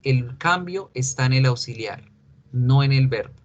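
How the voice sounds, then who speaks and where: A man's voice: medium pitch, a little slow, muffled recording. A male English teacher explaining grammar patiently in a recorded online class, mixing English examples into his talk and asking and answering his own questions. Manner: asks and answers his own questions aloud, as a student would.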